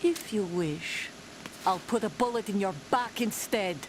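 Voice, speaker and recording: A woman's voice: mid-range voice, a little slow, background noise, natural voice. A woman playing a defiant, bitter young female soldier leader in a video game, accusing and confrontational. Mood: threatening. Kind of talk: dramatic video game acting.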